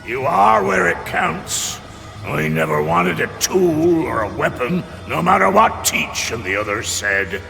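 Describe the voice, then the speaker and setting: Game role: brooding male pirate captain, solemn and haunted, very gravelly, drawn-out lines, cavernous reverb. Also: fairly high pitch, expressive, pushed and bright, heavily acted. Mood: earnest, insistent. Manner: slow, dramatic, weighty. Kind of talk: video game dramatic acting. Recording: long reverb with music behind.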